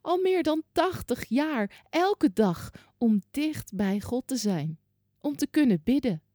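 A woman's voice: sits high, expressive, slow, dark tone, dry recording, studio quality, pitched above the performer's own voice, exaggerated voice. A woman reading a children's Bible story, voicing a joyful, very old woman with a shaky, trembling voice. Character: very old woman, over a hundred, overjoyed.

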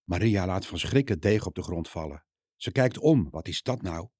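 Male reader for a children's Bible story; low, mellow voice and an unhurried, gentle delivery. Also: expressive, slightly rough, dry recording, studio quality. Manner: slow, gentle, addressing children directly.

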